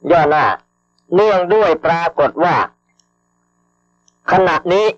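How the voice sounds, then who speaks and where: A man slowly dictating official government orders over radio, formal and measured, repeating each phrase and reading out the punctuation. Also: a little high. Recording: dull lo-fi archival radio broadcast.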